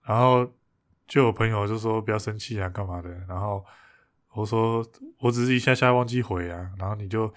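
A brisk, lowish male voice belongs to a podcast co-host chatting casually. His retelling of an argument is full of laughs and frequent restarts.

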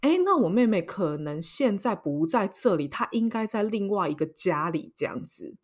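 A young woman with a Taiwanese Mandarin accent, co-hosting a podcast and telling a story in a casual, lively way, acting out voices as she goes. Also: mid-range voice, moderate pace, breathy edge. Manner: animated, acts out voices in her story. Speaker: podcast co-host.

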